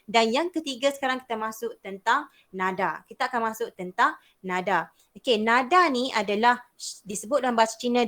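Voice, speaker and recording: A woman's voice: fairly high pitch, fairly bright tone. A young woman with a Malaysian Malay accent teaching a beginners' Mandarin class, explaining patiently and repeating sounds to demonstrate. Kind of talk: online language lesson.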